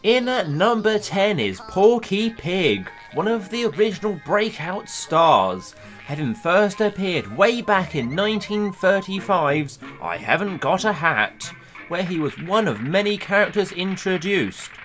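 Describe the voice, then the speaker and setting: Guy doing a youtube countdown, high voice, real bouncy up and down, kinda playful. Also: unhurried, faint music behind. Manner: lively, playful delivery. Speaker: YouTube host. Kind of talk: scripted countdown narration.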